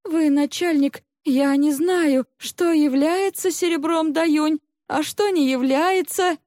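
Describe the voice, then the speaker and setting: A woman's voice: high-pitched, takes it slowly, a little mellow, no room sound, clean studio sound, voice pushed up. A woman voicing a frightened young palace maidservant who pleads tearfully in a storybook reading. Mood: frightened pleading.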